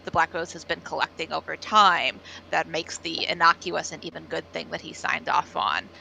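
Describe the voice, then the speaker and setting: A woman's voice: deep voice, steady tone, normal speed, gravelly, bright, forceful tone, slight background noise, poor audio. A woman chatting casually at a tabletop game, rambling and hedging with fillers.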